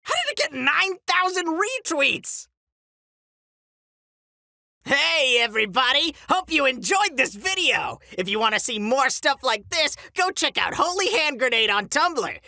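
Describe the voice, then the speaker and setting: A man voicing an excitable, melodramatic male superhero radio DJ in a comic dub, theatrical and exclamatory. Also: very high voice, no echo, studio quality, heavily acted. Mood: upbeat. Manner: theatrical, exclamatory, whiny when upset. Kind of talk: animated comic dub voice acting.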